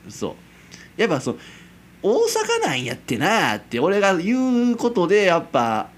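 Rambling young Kansai man, wildly swooping pitch. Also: huge pitch swings, normal speed. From Kansai, Japan. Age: 20s. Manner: rambling, self-mocking, chuckles often. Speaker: amateur radio-style host. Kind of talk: casual solo late-night radio chat.

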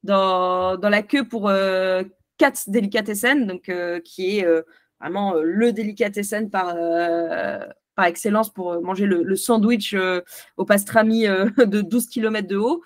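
A woman's voice: medium pitch, steady tone, measured pace, no echo. A woman from France, a podcast guest, giving travel advice in a chatty way, full of hesitations and restarts. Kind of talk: casual interview chat.

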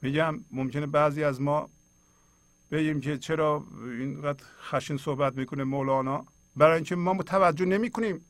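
A middle-aged man gives a spiritual lesson, reading lines of poetry and explaining them in plain everyday speech. His voice sits a little high for a man. He urges his listeners directly and earnestly, and the sound is close and dry, with no room echo. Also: steady tone. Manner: earnest, exhorting, speaks straight to listeners; colloquial, reads and explains verses. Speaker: host.

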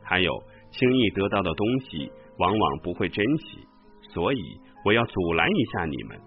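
A man telling a story as narration, calm, and he lifts his voice when he quotes the characters. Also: deep voice, normal speed. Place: radio studio. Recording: tinny phone-like radio audio with faint music.

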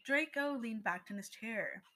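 A woman narrating a story aloud in a steady voice, with an occasional stumble. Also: a little high, a little slow. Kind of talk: reading fan fiction aloud.

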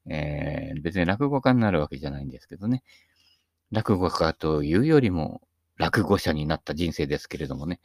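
A man's voice: no echo, clean studio sound. A middle-aged man talking through a casual, rambling monologue, with lots of fillers and tag particles. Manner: lively swings in pitch, sometimes dropping to a soft mutter. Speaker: host talking about golf.

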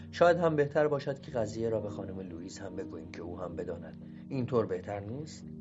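A man reading a literary novel aloud as an audiobook narrator, in a measured, steady storytelling manner. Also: fairly low pitch. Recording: dull lo-fi recording with music beneath. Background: music.

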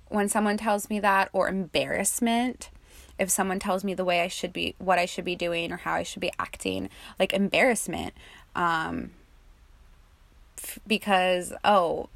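A young woman guiding a meditation and reflecting on her own experience in a soft, calm, casual way. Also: on the low side, vocal fry, dry recording. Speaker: meditation guide. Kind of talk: guided meditation and personal reflection.

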